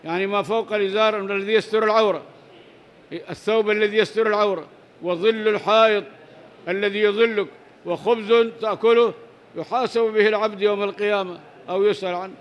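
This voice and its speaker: A man's voice: high voice, steady tone, fast, muffled recording. A man teaching a religious lesson, reading narrator chains and texts aloud, then explaining them in plain words and adding short prayers. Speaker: Islamic teacher reading hadith.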